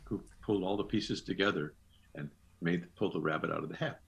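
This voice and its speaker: Gravelly older man telling producer stories. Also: deep voice, fast talker. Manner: animated storyteller acting out his own phone calls. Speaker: television producer. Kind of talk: anecdotal interview storytelling.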